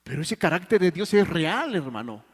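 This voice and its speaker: A man preaching a sermon in Mexican Spanish, telling stories earnestly and swinging between loud and hushed. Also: on the high side, very animated, moderate pace. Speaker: pastor. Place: church hall. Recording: long church reverb.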